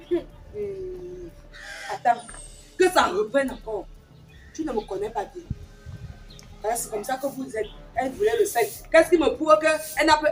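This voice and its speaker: A woman playing a harsh, domineering stepmother who scolds her stepdaughter and barks orders at her. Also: high voice. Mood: scolding. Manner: barking orders, scolding and contemptuous. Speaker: actress in a family skit. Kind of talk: scripted skit acting.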